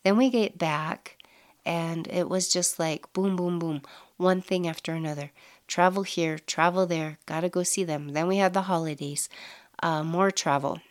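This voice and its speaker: A woman's voice: fairly low pitch, fairly even intonation, normal speed. Upbeat nasal woman hosting a podcast. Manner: effusive and upbeat, with soft breathy asides. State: nasal from allergies. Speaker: podcast host. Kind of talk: casual solo podcast talk.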